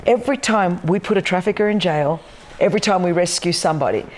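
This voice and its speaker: A passionate talk show guest, an Australian woman in her fifties, tells her story emphatically and gestures with both hands throughout her animated testimony in a big wood-beamed loft studio. Her voice is fairly low and a little mellow, her pace quick, with slight hiss or hum.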